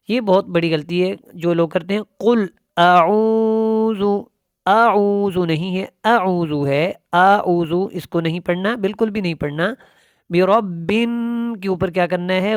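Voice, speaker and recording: A woman teaching how to pronounce Quran verses in a tajweed lesson. She explains at a brisk pace and repeats correct and wrong pronunciations. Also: on the low side, dry recording, studio quality.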